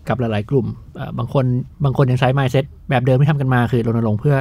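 A man's voice: medium pitch, fairly even intonation, quick pace, dark tone, breathy edge. A man hosting a podcast, casually posing probing questions to his guests. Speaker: podcast host. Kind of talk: casual discussion.

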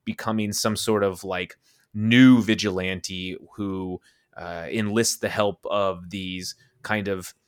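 A low-pitched man talking loosely on a podcast about films he disliked. He rants, swears freely and breaks into incredulous laughs when something strikes him as absurd. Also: fairly bright tone, clear, resonant tone. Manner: ranting, profane, laughs incredulously. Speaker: podcast co-host. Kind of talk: casual movie chat.

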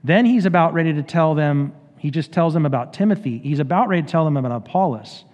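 A man's voice: on the high side, quick pace, dull audio. Man preaching in an echoey church. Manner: conversational, animated paraphrasing of scripture. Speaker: pastor. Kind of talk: sermon.

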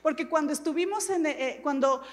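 A middle-aged woman pastor gives an animated, dramatic sermon full of self-mocking humor. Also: high-pitched, normal speed. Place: church hall. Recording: long hall reverb.

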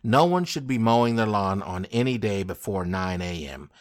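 A man's voice: lowish voice, expressive, normal speed. A man hosting a casual podcast, joking and rambling with mock indignation. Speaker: podcast host.

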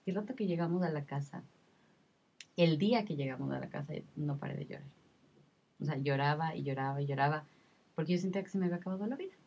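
Thirties woman, low husky voice, emotional and repetitive storyteller in casual talk. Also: fast talker, a little mellow. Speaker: guest sharing her experience. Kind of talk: casual conversation.

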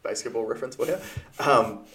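A man's voice: medium pitch, fairly quick, pushed and bright. Opinionated Australian man chatting. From Queensland, Australia. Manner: opinionated, laughs often, restarts. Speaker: podcast co-host. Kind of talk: casual podcast chat.

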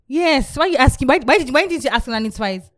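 A woman's voice: high-pitched, lively intonation, quick pace. A woman with a Nigerian accent co-hosting a podcast in casual conversation. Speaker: podcast co-host. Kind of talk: casual chat.

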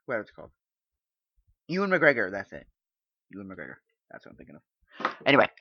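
A man hosting a podcast in casual chat, rambling and halting as he thinks aloud. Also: fairly low pitch, huge pitch swings, breathy edge, dry recording. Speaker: podcast host. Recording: dull lo-fi dry sound.

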